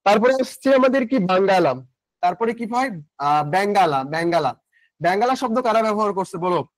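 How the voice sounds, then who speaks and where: A young man with a Bangladeshi Bengali accent runs a live online class in a high-pitched voice. He keeps things chatty, firing questions at the class and answering them himself between student comments. The sound is dry and close to the mic. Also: animated, fairly quick, dry recording. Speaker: online admission-coaching teacher.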